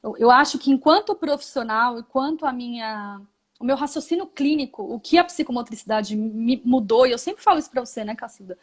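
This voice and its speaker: High-voiced Brazilian woman explaining her work. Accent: Brazilian Portuguese. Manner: reflective, explanatory, many fillers and tag questions. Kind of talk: live video interview.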